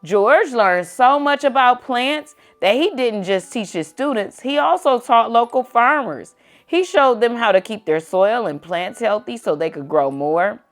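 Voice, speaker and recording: A woman reads a children's book aloud as host in a fairly high, expressive voice, taking her time and keeping her words simple. Between passages she speaks to a young child, and music plays underneath.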